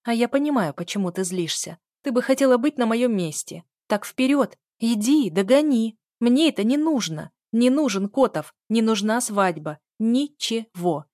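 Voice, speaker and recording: A woman reading an audiobook voices a furious young woman, shouting bitter and sarcastic lines. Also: medium pitch, lively intonation, moderate pace, no room sound, studio quality, voice pushed up, lightly acted.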